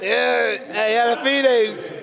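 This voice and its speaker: A man's voice: very high-pitched, fairly even intonation, slow, creaky, a crowd in the background. A man telling a loose story as a guest, giggling and quoting his friends. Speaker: crew member guest. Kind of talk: casual storytelling. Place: small DIY studio.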